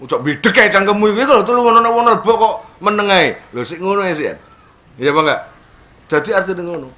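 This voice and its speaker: A man's voice: high-pitched, fast. A man giving a humorous religious talk, acting out characters and laughing often. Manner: animated storytelling, acts out characters and laughs often. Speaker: preacher.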